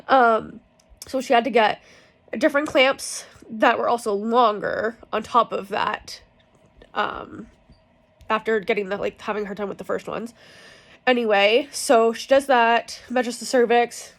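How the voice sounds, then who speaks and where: A woman's voice: on the high side, fairly even intonation, unhurried. A young woman telling a personal story in a casual, rambling way, frank and full of fillers and swearing. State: in pain from cramps. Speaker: vlogger.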